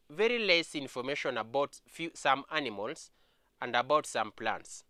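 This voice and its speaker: A man with a Kenyan English accent teaching an exam revision history lesson, speaking slowly and repeating key points. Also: mid-range voice, bright, forceful tone, smooth, dry recording, clean studio sound.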